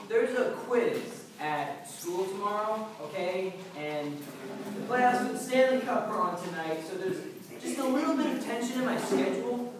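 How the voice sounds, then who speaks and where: A young actor playing a teenage boy who rambles through a wish-list prayer in a church skit. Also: high voice. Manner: rambling, bargaining, awkward. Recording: echoey room from far off, faint noise.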